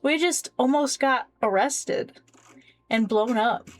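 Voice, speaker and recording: Expressive woman reading game dialogue. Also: sits high, slow pace, faint music behind. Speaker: game player voicing characters.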